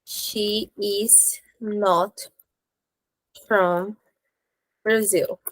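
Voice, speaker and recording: A woman teaching an English grammar class, explaining step by step and slowing down to spell out examples. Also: mid-range voice, fairly even intonation, dry recording, low-quality recording.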